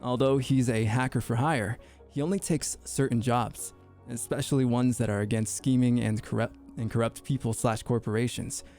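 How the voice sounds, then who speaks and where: A man's voice: mid-range voice, steady tone, darkish tone, faint music behind. A young man streaming his VTuber debut, goofy and joking, often tripping over his words in restarts. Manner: goofy, joking, quick to laugh; stammering restarts. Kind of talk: casual livestream chat.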